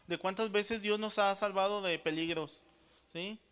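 Bright high-voiced man preaching. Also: fairly even intonation, a little slow, smooth. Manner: keeps checking in with the congregation, "sí?"; addresses listeners as brothers. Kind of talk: sermon.

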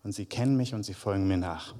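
A man's voice: fairly low pitch, fast talker, mellow. A man giving a conversational sermon to a congregation, reading Bible verses aloud. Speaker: preacher. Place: church hall. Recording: long hall reverb.

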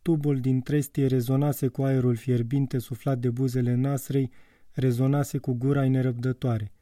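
A man narrating a literary audiobook in a measured, calm way. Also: medium pitch, no room sound, clean studio sound, far from the mic.

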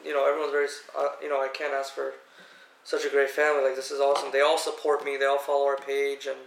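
A young man co-hosting a casual podcast, telling animated anecdotes full of fillers. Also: mid-range voice, fast, gravelly, echoey room, distant mic, a little hiss or hum, low-quality recording. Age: young adult. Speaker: podcast co-host, event DJ. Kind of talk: casual group chat.

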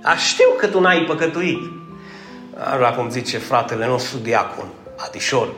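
A man's voice: medium pitch, expressive, a bit bright, roomy sound, soft background music. A man preaching a conversational sermon, joking and asking the congregation questions.

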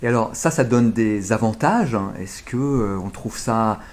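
Un homme qui mène une interview et pose ses questions en les reformulant plusieurs fois. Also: male voice, fairly low pitch, a little slow. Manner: probing, rephrases his questions.

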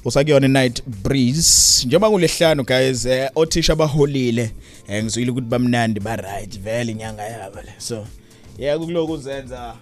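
A man's voice: mid-range voice, fast talker. A man with a Zulu accent hosting a radio show in a casual, slangy, laid-back chat with English words mixed in. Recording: music under the voice. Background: music.

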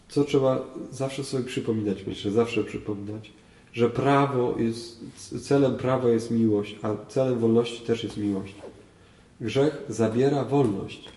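A man's voice: mid-range voice, mellow. A man, a priest, teaching a group, often asking his listeners questions and repeating phrases for emphasis. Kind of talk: teaching talk on faith. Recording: roomy echo, voice from far off.

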